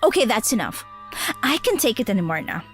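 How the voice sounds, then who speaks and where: A woman's voice: fairly high pitch, very animated, fairly quick, soft background music. A woman voicing a vain, dramatic, spoiled rich young woman who speaks in a posh, whiny mix of English and Tagalog. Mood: bratty.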